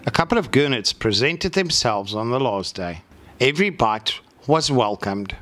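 Man narrating over loud music. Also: mid-range voice, big pitch swings, normal speed, no echo. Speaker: narrator of a fishing competition video. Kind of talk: scripted narration.

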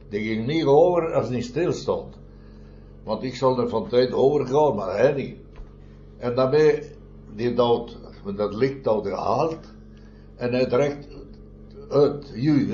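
A man's voice: mid-range voice, darkish tone. Older man rambling through old stories. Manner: rambling, tag questions and chuckles. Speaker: former miner interviewee. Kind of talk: oral history storytelling. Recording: muffled with faint noise.

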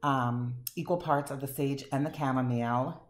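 A woman with a very deep voice reviews wax melts in a casual, enthusiastic chat, rambling and using fillers. She keeps a steady tone at normal speed. The room is echoey, with faint noise.

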